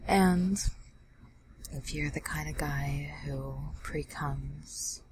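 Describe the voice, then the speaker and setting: A young adult woman giving teasing orders in a breathy whispered role-play, close to the microphone. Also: fairly even intonation, drawn-out words, noisy background. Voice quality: breathy whisper mixed with low soft voice.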